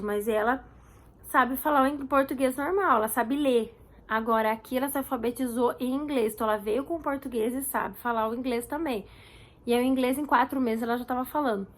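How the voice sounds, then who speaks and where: A Brazilian woman in her thirties chatting casually to camera as a vlogger, repeating words for emphasis. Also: a little high.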